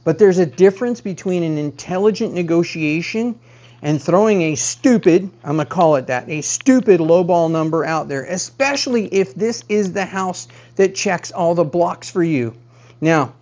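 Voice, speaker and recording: A man's voice: on the high side, moderate pace, darkish tone, highs cut off. A man working as a real estate agent, giving emphatic advice straight to the viewer and repeating key phrases for stress. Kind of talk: direct-to-camera advice talk.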